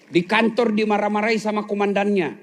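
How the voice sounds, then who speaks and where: A man's voice: high voice, steady tone, brisk, a little hiss or hum. A man preaching a humorous sermon to a live audience, teasing listeners and acting out little scenes. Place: police headquarters hall with audience.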